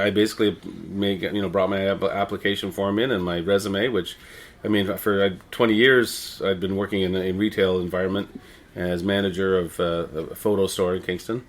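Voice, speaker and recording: A middle-aged man with a Canadian accent answers interview questions conversationally, in a halting, rambling way with repeated words. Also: fairly low pitch. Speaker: interviewee, town crier and visitor services manager.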